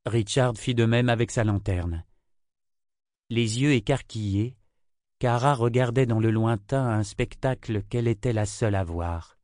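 A man narrating a fantasy novel in a steady, even reading voice. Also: mid-range voice, measured pace, no echo, studio quality. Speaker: audiobook narrator.

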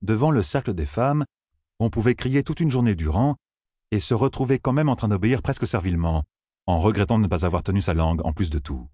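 A man narrating a fantasy novel in a measured, even reading. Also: fairly low pitch, no room sound, clean studio sound. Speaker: audiobook narrator.

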